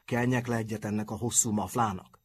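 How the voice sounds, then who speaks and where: A man's voice: on the low side, steady tone, slightly rough. A man doing a grumbling, hungry schoolboy. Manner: grumbling, muttering. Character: always-hungry, grumbling schoolboy who boxes.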